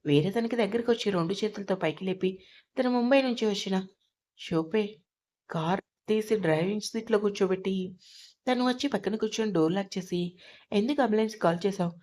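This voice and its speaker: A woman narrates an audiobook love story at a middling pitch. Her reading is steady and even, the voice of a storyteller carrying the plot along. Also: a little fast.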